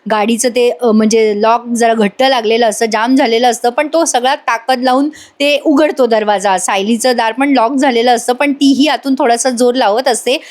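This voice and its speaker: A high-pitched woman with a Marathi accent narrates a TV serial recap as a voice-over. She chats straight to her viewers and slips into each character's lines as she tells the story. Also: fairly even intonation, moderate pace, hardly any pauses, darkish tone. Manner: chatty, addresses viewers directly, acts out characters' lines. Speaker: TV serial reviewer.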